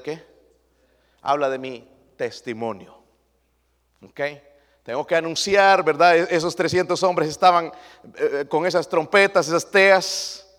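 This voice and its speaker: A male pastor, preaching a sermon that swings from quiet asides to loud, fervent rises. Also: on the high side, big-room sound. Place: church.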